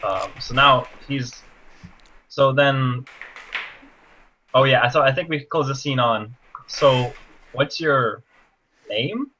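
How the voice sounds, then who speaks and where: A man playing a tabletop role-playing game, laid-back and quick to laugh, with lots of filler words. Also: mid-range voice, pushed and bright, a little hiss or hum. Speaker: player. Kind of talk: casual tabletop role-play.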